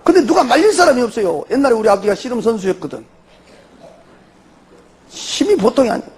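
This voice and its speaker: An older man with a Jeolla accent, a church elder telling his testimony in an animated way and tossing in rhetorical questions. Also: very high voice, fast, breathy edge. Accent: Jeolla Korean. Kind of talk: spoken testimony before a congregation.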